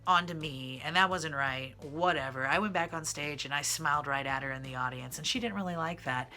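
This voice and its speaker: A transgender man in his 30s from the Midwestern US, a singer and vlogger, tells personal stories to camera in a candid, rambling way full of fillers. His voice sounds feminine and sits on the high side, a little fast, with a sharp tone. Soft music plays in the background.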